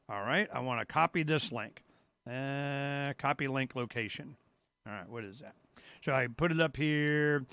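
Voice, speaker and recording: A middle-aged man hosting his own show, walking viewers through a website in a loose, rambling way and exclaiming "boom" often. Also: sharp tone, no room sound. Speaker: radio show host. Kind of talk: casual live-stream walkthrough. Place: home studio.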